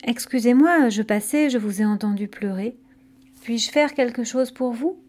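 A woman's voice: fairly high pitch, moderate pace, a little mellow, close to an everyday voice. A woman reading aloud as an earnest, impatient young hero who presses his father with questions. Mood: gentle.

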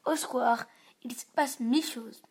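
Lady reading a kids' picture book, expressive, fairly high voice. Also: a little slow, slightly rough. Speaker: reader. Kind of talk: children's story read-aloud.

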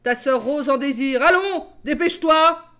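A woman's voice: high voice, sing-song, measured pace, voice pushed up. A woman voicing a cruel stepmother who barks orders in a curt, scolding tone. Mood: harsh.

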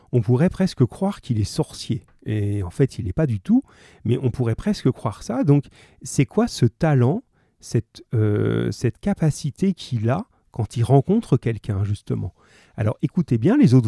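A man's voice: mid-range voice, gravelly, warm tone, dry recording, clean studio sound. A man teaching an online class who talks to his pupils in a friendly, encouraging way, with frequent hesitations and fillers. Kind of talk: online class read-aloud and discussion.

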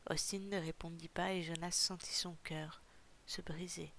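A woman narrating a storybook chapter with measured, steady storytelling. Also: on the low side, a little hiss or hum. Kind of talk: audiobook narration.

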